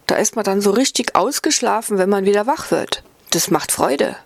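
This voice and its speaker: A woman's voice: mid-range voice, animated, normal speed, creaky, dry recording. A cheerful, joking male marmot who loves his food and his fun, telling tall tales with a grin, as a woman reads him in a storybook. His voice sits up close and dry, with no room sound around it. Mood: jovial. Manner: playful, teasing, fond of food and fun. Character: jolly joking male alpine marmot from the Swiss mountains. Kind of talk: storybook reading.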